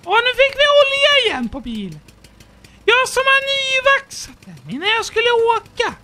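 A man voicing a squeaky, childlike male character who keeps up a fussy, silly running commentary while playing a game. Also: wildly swooping pitch, full character voice. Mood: chattering.

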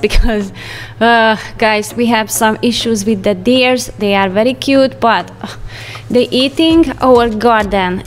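A home vlogger with a higher voice provides casual voice-over narration over soft background music. She's chatty, with light laughs and non-native phrasing.

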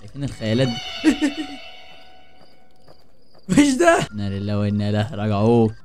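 A man's voice: on the low side, wildly swooping pitch, very fast, darkish tone, soft background music. A young man with an Egyptian accent, joking and getting startled while he plays a horror game for his viewers. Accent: Egyptian Arabic. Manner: jokey, easily startled, chatty with viewers. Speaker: gaming channel host. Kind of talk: horror game let's play commentary.

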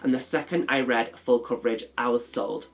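A man talks through a beauty vlog with a stuffy, nasal voice from a cold. His pitch sits in a middle range for a man, and he chats in a loose, rambling way, often poking fun at himself. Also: steady tone, normal speed. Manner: chatty, rambling, self-deprecating. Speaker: beauty vlogger. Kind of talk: casual chat.

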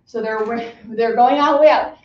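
A woman's voice: a little high, moderate pace. Chatty woman teacher, echoey room. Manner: chatty, many "like" fillers. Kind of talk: casual classroom explanation. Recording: echoey room, muffled sound.

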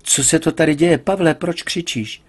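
A man voicing a calm middle-aged wife who gently placates her husband. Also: a little high, breathy edge, pitched above the performer's own voice. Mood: placating.

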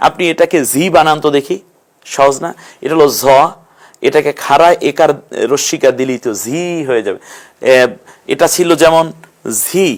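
A man teaching Quran letter sounds in a patient lesson, repeating each sound slowly. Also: on the high side. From Bangladesh. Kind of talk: explanatory lesson.

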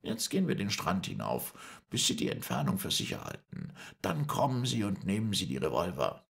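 A man's voice: sits low, huge pitch swings, normal speed, gravelly, a bit bright, voice pushed up, heavily acted. Cold, persuasive older scientist, firm delivery, read by a male audiobook narrator. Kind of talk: audiobook character voice.

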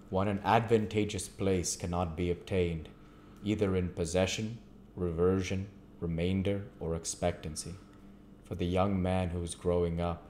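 Deep-voiced man reading a classic novel. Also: darkish tone, slight background noise. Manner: measured reading with occasional stumbles. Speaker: audiobook reader.

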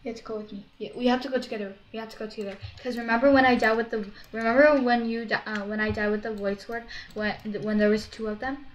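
A woman hosting a casual gameplay commentary, chatty and breaking into excited shouts over wins. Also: on the high side, fast, hardly any pauses. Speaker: gaming channel host. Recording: echoey room.

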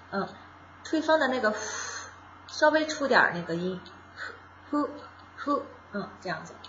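A woman teaches beginners in a casual, patient way, taking each step slowly and repeating sounds aloud. Her voice is bright and forward. The recording sounds roomy and a little dull. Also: medium pitch, a little hiss or hum. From China. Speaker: Japanese language teacher.

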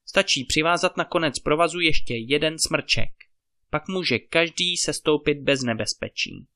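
A brave, honest boy who warns and explains in earnest, as a male storyteller reads him. The voice stays close to the reader's own, bright and clear. Told as a spoken fairy tale. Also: a little high.

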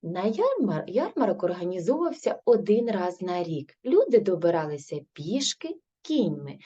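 Ukrainian woman, primary teacher, slow and patient, husky mellow voice, lively pitch, dull lo-fi recording. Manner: slow, patient questioning and answering herself. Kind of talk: recorded grade-three language lesson.

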